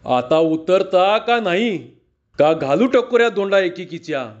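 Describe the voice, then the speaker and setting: A stern bandit chief snaps out threats in a hard, commanding voice, done by a male storyteller. The recording is muffled and lo-fi, and the voice sits fairly high. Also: very animated, slow pace, heavily acted. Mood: harsh. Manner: harsh, threatening. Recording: dull lo-fi recording.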